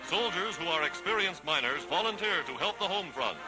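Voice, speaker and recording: A man's voice: high-pitched, lively intonation, a little fast, low-quality recording. A man narrating a 1940s newsreel in a dramatic, declamatory, scripted style. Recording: vintage 1940s newsreel soundtrack, loud music. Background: loud music.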